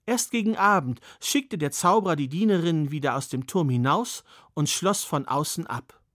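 A man's voice: fairly high pitch, expressive, normal speed, fairly bright tone, no room sound, studio quality. A man telling a fairy tale in a personal storytelling manner with occasional asides.

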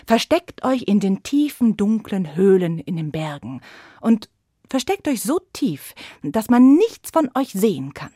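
Sly jealous storybook moon , a woman reading him, slow and coaxing. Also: medium pitch, very animated, dark tone, slightly rough, dry recording, studio quality. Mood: tender. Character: scheming jealous male moon, smug and sly.

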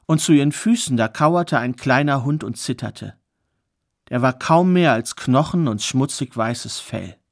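Man telling a fairy tale, calm and measured, expressive, pauses for effect. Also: mid-range voice. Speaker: storyteller. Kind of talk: oral fairy tale storytelling.

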